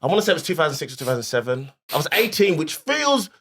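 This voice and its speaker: A man's voice: a little high, sing-song, racing, fairly bright tone, slight background noise. A man in his thirties, a comedian co-hosting a podcast, telling self-mocking stories with frequent laughter. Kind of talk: casual chat.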